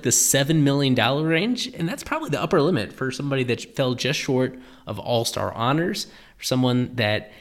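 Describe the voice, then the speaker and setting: A man offers analytical commentary on a baseball pitcher, thoughtful and explanatory, frequently restarting his phrases. His voice is a bit bright.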